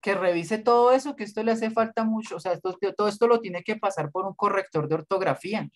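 A man's voice: high voice, fast. Man, design teacher, lecturing and correcting bluntly, no-nonsense. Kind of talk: online class feedback.

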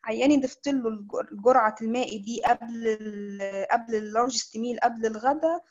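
A woman's voice: a little high, a little fast. A woman with an Egyptian Arabic accent giving a medical lecture over a video call. She explains step by step and often restarts her sentences. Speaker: doctor giving an online lecture. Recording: slightly dull lo-fi call audio.

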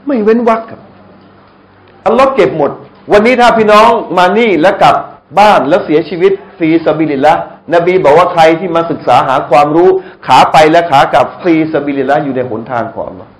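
A middle-aged man giving a lively sermon to a live audience, often asking them questions and joking. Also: sits high, poor audio. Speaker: Islamic lecturer. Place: restaurant hall, live audience.

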